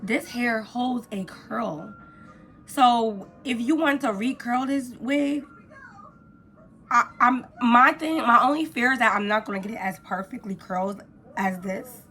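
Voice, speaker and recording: Hoarse woman chatting through a casual review. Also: fairly high pitch, measured pace, a bit bright, soft background music. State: hoarse from a cold. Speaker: beauty vlogger reviewing products.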